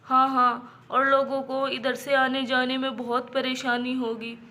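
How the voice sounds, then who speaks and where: A woman doing a calm practical young man. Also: high-pitched, a little slow. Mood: serious. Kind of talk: doll story voice acting.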